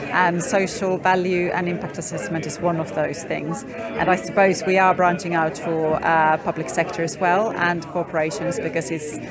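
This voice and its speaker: Woman over loud street crowd. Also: lowish voice, level tone, moderate pace. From Finland. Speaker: head of a social enterprise organisation.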